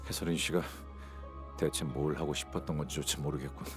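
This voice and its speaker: A man's voice: a bass voice, fairly even intonation, racing, music in the background. An actor playing a dour, skeptical man in a gothic video game. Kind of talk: game voice acting.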